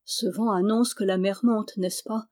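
A woman reading the part of a mysterious fairy with a soft, slightly trembling voice. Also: medium pitch, steady tone, unhurried, lightly acted. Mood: soft sad. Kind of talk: audiobook character voice.

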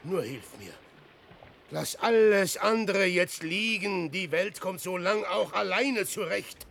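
An actor playing Peer Gynt, a vain, self-serving rich adventurer, declaiming in a classic radio play. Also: male voice, sits high, expressive, slow, creaky, a bit bright, full character voice. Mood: pleading. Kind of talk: classic radio drama acting.

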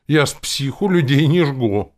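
A man's voice: deep voice, big pitch swings, moderate pace, voice pushed up. A man doing a cheeky army captain. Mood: deadpan. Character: cheeky laid-back male army captain. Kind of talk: audiobook character voice.

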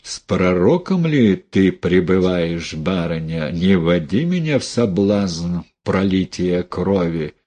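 A man playing a zealot prophet, slow rustic drawl, menacing, deep husky voice. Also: sing-song, warm tone, heavily acted. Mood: menacing preaching. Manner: drawling rustic dialect, preachy, threatening. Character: fanatical self-styled male prophet, menacing.

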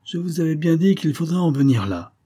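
A man's voice: a little high, expressive, brisk, warm tone, slightly rough, pitched above the performer's own voice. A man doing a smug scheming Spanish official. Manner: smug, approving.

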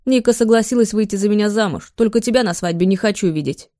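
A domineering middle-aged father barks at his grown son in short, scolding bursts, read by a woman. The tone is dark and mellow, close and dry with no room sound. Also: medium pitch, quick pace, dry recording, lightly acted. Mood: contemptuous. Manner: shouting, scolding.

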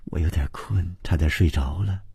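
A man's voice: low voice, very animated, brisk, dark tone, husky, no echo, studio quality, full character voice. A man voicing a nervous, easily frightened office worker in an audiobook. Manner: nervous, shaken.

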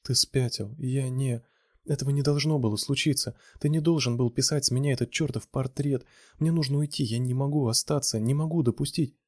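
A man reading a novel aloud, voicing a furious young woman in tears who shouts. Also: medium pitch, steady tone, a little fast, dry recording, clean studio sound, pitched above the performer's own voice, natural voice. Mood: desperate. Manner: shouting, raised voice.

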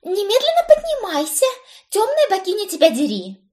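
A woman voicing a bossy young witch cousin who shouts shrill demands. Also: sing-song, moderate pace, heavily acted. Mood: shrill demanding.

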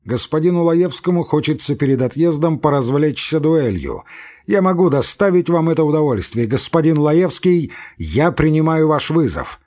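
A man reading aloud, voicing a calm, sarcastic, self-possessed zoologist. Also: a little high, moderate pace, voice pushed up. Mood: mocking.

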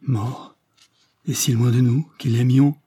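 A man's voice: steady tone, slow, warm tone, husky, no echo, clean studio sound. A man reading an audiobook and voicing a bold, tender young noblewoman, with earnest, assured speech. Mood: grieving. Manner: earnest, assured, voice raised higher for her.

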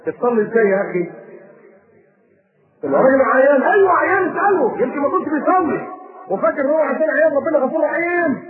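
Egyptian male preacher, rapid animated delivery, tinny phone-like tape in an echoey hall with a crowd. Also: very high-pitched. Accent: Egyptian Arabic. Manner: animated, scolding, mimics people. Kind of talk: recorded sermon lecture.

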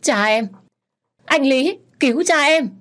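A woman's voice: mid-range voice, a little slow, darkish tone, voice pushed up, natural voice. A woman voicing a young woman who sobs and pleads in panic. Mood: desperate. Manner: crying, pleading cries.

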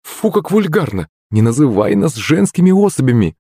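A man's voice: mid-range voice, sing-song, fairly quick, mellow, breathy edge, dry recording, clean studio sound. A man voicing a prim, easily flustered mother in an audiobook, raising his voice for her. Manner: prim and scolding.

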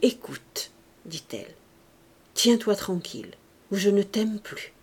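A woman's voice: medium pitch, sing-song, takes it slowly, darkish tone, slightly rough, heavily acted. A woman reading an audiobook voices an impatient, firm young woman.

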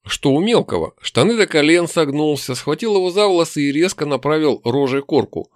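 A man narrating a first-person fantasy audiobook with wry, lively storytelling. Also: a little high, fairly quick, no room sound, clean studio sound.

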